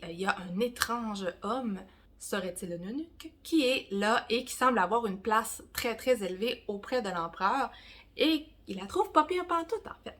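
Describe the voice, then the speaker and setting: A book vlogger in her forties with a Québécois French accent and medium-pitched voice gives a casual, rambling review of her month's reading. She adds self-mocking asides and some soft, whispered comments.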